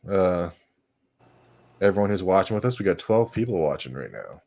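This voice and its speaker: A man's voice: sits low, moderate pace, gravelly. A young man hosting a casual live watch-party stream, chatting and reading out viewer comments. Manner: relaxed, reads out viewer comments.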